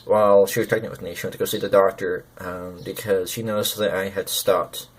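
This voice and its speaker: A man talking personally to camera, hesitant and halting, with slurred lip consonants as if numb from the dentist. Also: sits low, little pitch movement, husky. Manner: hesitant, halting, searching for words. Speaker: gaming video creator.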